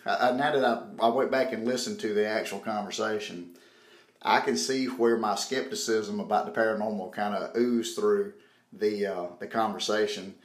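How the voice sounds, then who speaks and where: A man hosting a podcast, talking casually to his listeners as he introduces the show. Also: on the low side. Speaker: podcast host. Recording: roomy echo, faint music behind.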